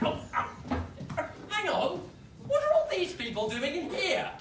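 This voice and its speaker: A woman's voice: extremely high pitch, huge pitch swings, takes it slowly, noisy background, heavily acted. A woman playing a bumbling, flustered male British naval officer with a posh, fussy and nervous manner in a live stage comedy. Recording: echoey stage, picked up from far off.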